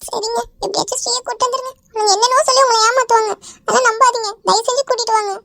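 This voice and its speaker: A performer voicing a distraught middle-aged mother in an animated cartoon, pleading through tears. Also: very high-pitched, very fast, vocal fry, soft background music, exaggerated voice. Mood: tearful pleading. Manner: pleading, sobbing.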